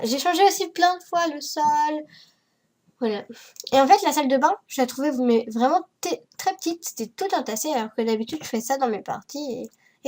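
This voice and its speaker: A woman with a cold, hoarse and nasal, rambling hesitantly and self-mockingly through a casual gameplay voice-over. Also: high voice, a little mellow. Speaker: Sims building YouTuber.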